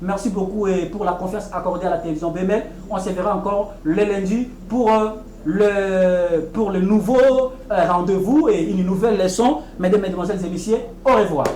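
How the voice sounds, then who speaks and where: Woman, English teacher, patient explanations, slow drilled repetitions, roomy echoey sound. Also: mid-range voice, mellow, a little hiss or hum. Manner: repeats English phrases slowly and deliberately; explains patiently, often checking with "ok?". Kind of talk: televised language lesson.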